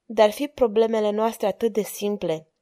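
A woman's voice: mid-range voice, fairly even intonation, dark tone, natural voice. A woman voicing a stubborn, earnest young king who pleads and gives firm orders in an audiobook reading.

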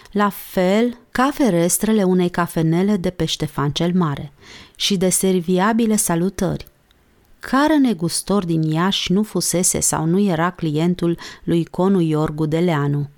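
Female audiobook narrator, lowish voice, calm, measured literary reading. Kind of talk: scripted narration.

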